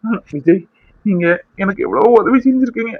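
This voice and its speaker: A man's voice: high voice, animated, brisk, husky, no echo, narrow, tinny audio. A man voicing an anxious, doting young husband in a cartoon, earnest and reassuring. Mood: relieved. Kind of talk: cartoon voice acting.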